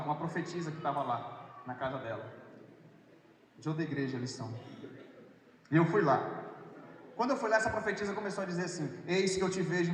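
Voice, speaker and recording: A young Brazilian man giving a sermon testimony, storytelling and swinging from hushed to excited. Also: fairly high pitch, a little hiss or hum. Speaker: worship minister and preacher. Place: large hall at a youth congress. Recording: echoey hall from far off.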